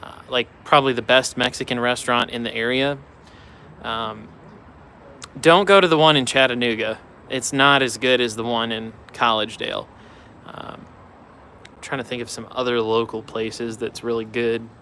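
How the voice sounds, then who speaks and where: A man chatting casually on a live stream and answering viewers' questions offhand. His voice is bright and clear. He is outdoors beside railroad tracks, with faint outdoor ambience behind him. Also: medium pitch, steady tone, normal speed, a little hiss or hum.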